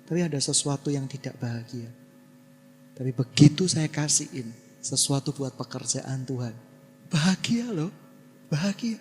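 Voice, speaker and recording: A male pastor preaching a sermon. He swings between loud exclamations and quiet asides. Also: mid-range voice, expressive, moderate pace, long pauses, faint music behind. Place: church hall. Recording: long church-hall reverb.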